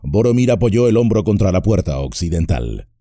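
A man narrating an audiobook with an expressive, dramatic reading style. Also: deep voice, normal speed, no echo, clean studio sound. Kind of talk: scripted narration.

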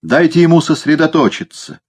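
A man's voice: a little high, lively intonation, a little fast, husky, voice pushed up. A man reading an audiobook, voicing an irritable male cat stuck down a drain who snaps at everyone around him. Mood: indignant. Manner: irritable, snapping. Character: gruff grumpy male cat stuck in a sewer.

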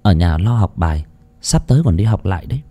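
A man voicing a caring, tired mother who gives gentle, earnest advice. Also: deep voice, animated, fast talker.

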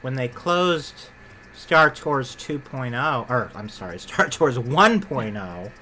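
Male podcast co-host, bright voice, loose rambling chat, faint music bed. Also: mid-range voice, expressive, slow pace. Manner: chatty, rambling, self-correcting. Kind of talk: casual chat about theme park attractions.

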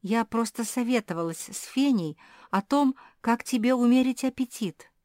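A woman plays a gentle, motherly keeper of cats, soft and soothing in manner. Her voice is a little high and expressive at normal speed, pitched above her own yet close to an everyday voice, in a clean studio recording with no room sound.

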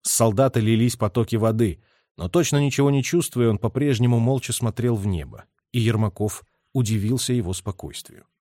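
A man reading a war novel aloud in an expressive, dramatic narration style. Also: mid-range voice, fairly quick, no room sound, clean studio sound. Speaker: audiobook narrator.

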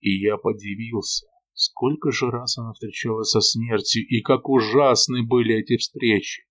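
A man narrating a dark fantasy audiobook in the first person, calm and measured with dramatic pauses. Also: medium pitch.

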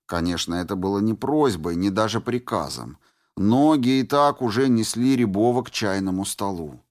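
A man narrating an audiobook in a steady, measured way. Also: on the low side. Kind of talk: scripted narration.

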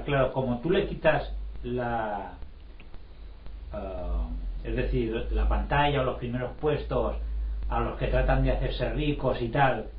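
Guy making his point w rhetorical questions, echoey room, muffled sound. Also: mid-range voice. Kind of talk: casual group discussion. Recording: roomy lo-fi recording.

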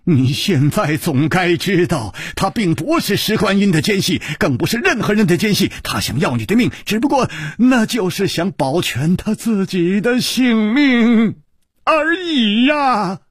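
Brief: hoarse, shrieking young swordsman, furious and desperate, voiced by a male storyteller. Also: sing-song, slow, no room sound, clean studio sound, exaggerated voice. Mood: desperate pleading. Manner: shrill and hoarse, shouting. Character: frantic young swordsman, pale with rage.

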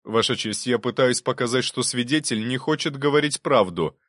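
A man's voice: mid-range voice, normal speed, a bit bright, dry recording, clean studio sound, voice pushed up, close to an everyday voice. A man reading an audiobook, voicing a persistent assistant prosecutor who cross-examines with pointed questions.

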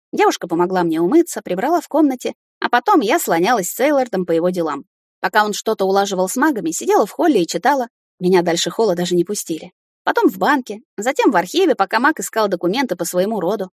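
A woman narrating a first-person fantasy audiobook expressively, rising higher and more heated in arguments. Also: a little mellow, no echo, clean studio sound.

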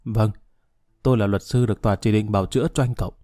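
A man voicing a calm, formal middle-aged lawyer speaking in a measured way. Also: fairly low pitch, no echo, studio quality, close to an everyday voice. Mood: reassuring.

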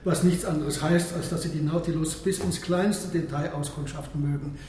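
An actor playing a proud, world-weary submarine captain in a radio play, speaking formally and with grand declamation. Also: male voice, on the high side, fairly even intonation, normal speed, a little mellow, lightly acted. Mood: proud, courteous. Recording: echoey room, background noise.

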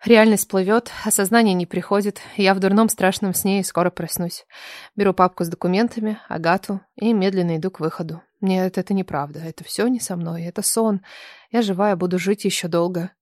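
A woman narrates a first-person story in a subdued, soft voice at a middle pitch. The recording is dry and close, with no room sound. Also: fairly even intonation, fairly quick, no echo. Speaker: audiobook narrator.

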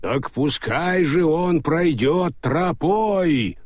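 Man playing a big booming ceremony voice, slow and solemn, a bit husky. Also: animated, darkish tone, no room sound, studio quality, full character voice. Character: booming unseen male ritual master.

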